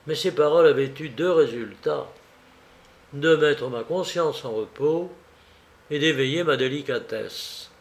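A man narrating a literary audiobook in a measured, deliberate way. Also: a little high.

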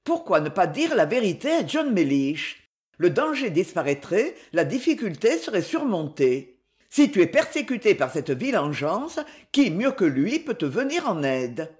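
A woman voicing a gentle old banker father. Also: on the low side, sing-song, moderate pace. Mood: imploring. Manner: gentle, imploring.

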